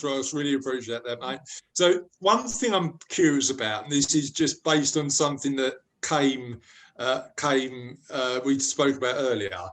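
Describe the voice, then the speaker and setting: A man's voice: mid-range voice, a bit bright, low-quality recording. A man hosting a casual group discussion, asking questions in a matey, conversational way. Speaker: host of a business discussion group. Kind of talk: casual chat, interviewing.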